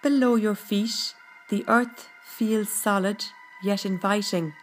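A woman leads a guided meditation at a very slow, measured pace. Her delivery is gentle and soothing, with a mid-range pitch. Soft music plays faintly behind her scripted narration. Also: fairly even intonation. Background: background music.

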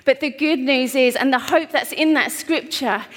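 Woman, preacher, sermon, big hall echo, projected voice, slightly high. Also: moderate pace. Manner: projects her voice, warm storytelling. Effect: big hall echo on her mic. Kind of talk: sermon with a handheld prop. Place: church hall with a congregation. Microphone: wearing a mic on the PA. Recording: echoey hall reverb.

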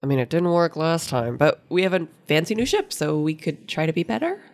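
A woman's voice: sits low, big pitch swings, a little fast, darkish tone. A woman with a head cold and stuffy nose, chatting casually as a player on a tabletop game podcast.

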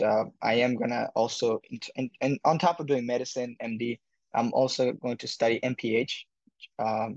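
A man's voice: medium pitch, gravelly, dry recording, dull audio. A man from Bangladesh, a medical student, answering interview questions with many fillers and restarts.

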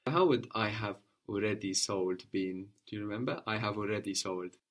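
A man's voice: on the low side, moderate pace, fairly bright tone. A man teaching a one-on-one language lesson, patiently prompting questions and repeating his student's answers.

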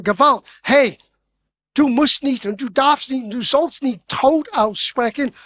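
A woman's voice: high voice, fairly bright tone, no room sound. Older woman preaching with emphatic repetition. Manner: emphatic, repetitive, addresses the congregation directly; mixes English phrases into German. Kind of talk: sermon.

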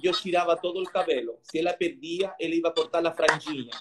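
A man, a pastor, telling his personal testimony in an interview, halting and repeating words for emphasis. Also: a little high, noisy background.

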